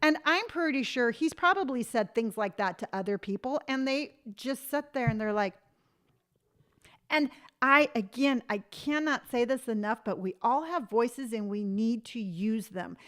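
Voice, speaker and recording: A woman's voice: a little high, unhurried. Emphatic woman in her fifties livestreaming. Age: 50s. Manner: emphatic, animated storytelling, reads viewer comments aloud. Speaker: TikTok live streamer. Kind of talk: casual live-stream chat.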